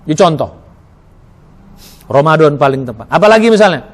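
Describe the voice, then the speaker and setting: A man preaching a Ramadan sermon in a mosque, acting out inner thoughts with lively "oh" asides. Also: on the high side, normal speed. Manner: lively, acts out inner dialogue with many "oh" asides.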